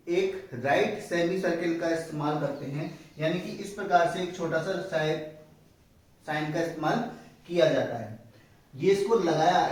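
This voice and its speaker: Man, shorthand teacher, high voice, patient step-by-step explaining, strong room echo. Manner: slow and explanatory, repeating each word as he writes it. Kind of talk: step-by-step lesson. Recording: very echoey room, a bit distant from the mic.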